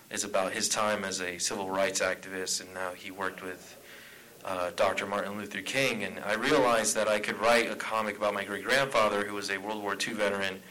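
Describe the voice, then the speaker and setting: A man's voice: on the low side, bright, forceful tone, low-quality recording. A man from Arizona, a comic writer, talking and joking as a guest on a convention panel. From Tucson, Arizona. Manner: chatty, joking, laughs often.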